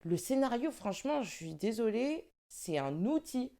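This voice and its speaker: A woman's voice: on the high side, big pitch swings, normal speed, vocal fry, dark tone. A woman talking informally and emphatically in a casual discussion, thinking aloud as she explains her views. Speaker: film director and screenwriter.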